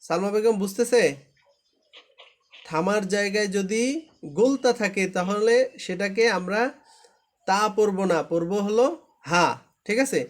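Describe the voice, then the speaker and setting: High-pitched male tutor, drilling reading rules over an online class and checking that students follow. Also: a little slow, long pauses. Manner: patient, repetitive, often checks understanding. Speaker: Quran recitation teacher. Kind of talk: live online class instruction. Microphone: online live class.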